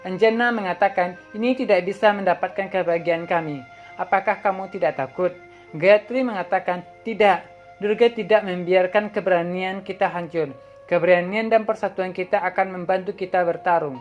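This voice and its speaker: A woman reading a drama plot synopsis aloud as a channel host, in a plain even way that sometimes stumbles and restarts words. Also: on the low side, moderate pace. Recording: dull lo-fi audio with faint background music.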